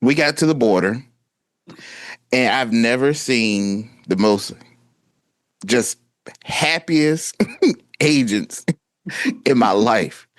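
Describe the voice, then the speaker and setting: Animated storytelling man, dry sound. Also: mid-range voice, takes it slowly, pauses often, dry recording. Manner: animated storytelling, acts out quotes. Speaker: podcast co-host. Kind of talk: casual chat.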